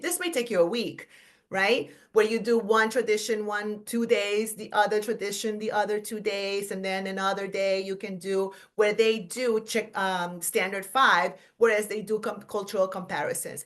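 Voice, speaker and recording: A woman's voice: medium pitch, fairly bright tone. A middle-aged woman teacher presenting at a workshop in a conference room. Her voice sits in a medium register, and her delivery is loose and conversational. She often restarts phrases and tags her points with "right?" to keep the audience with her. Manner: chatty, with frequent "right?" and self-corrections.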